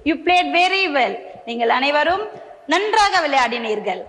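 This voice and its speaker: A woman teacher with a Tamil accent, giving a slow bilingual lesson to young children and repeating each line in two languages. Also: high voice, sing-song, fairly bright tone, long reverb tail. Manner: slow, sing-song questions, repeats each line in English then Tamil.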